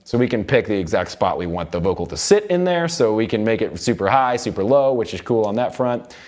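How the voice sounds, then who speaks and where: A young man with a lowish, darkish voice talks briskly and expressively, giving a loose, informal hands-on software tutorial as an audio production instructor. He's in a recording studio control room with session music playing in the background.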